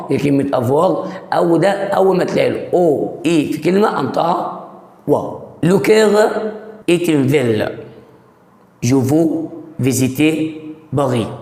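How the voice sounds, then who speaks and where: An Egyptian-accented man teaches a lesson at an ordinary mid pitch. He quizzes the listener and answers himself, step by step. His voice rings in a room with a long, echoing reverb. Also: a little mellow. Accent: Egyptian Arabic. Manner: reads example sentences out slowly. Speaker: French teacher. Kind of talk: language lesson.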